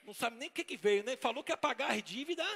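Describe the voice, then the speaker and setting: High, bright-voiced Bahian clown man. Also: expressive, fast talker. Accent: Bahian Portuguese. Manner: playful, teasing crowd banter. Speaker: clown magician entertainer. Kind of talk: live stage comedy magic act. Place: shopping mall event stage. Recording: long echoey hall reverb.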